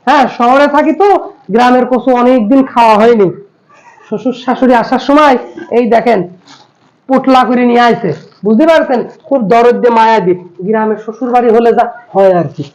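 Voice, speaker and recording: Chatty high-voiced male family vlogger. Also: a little fast, a little mellow, low-quality recording. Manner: chatty, teasing, repeats a catchphrase. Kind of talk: casual family vlog.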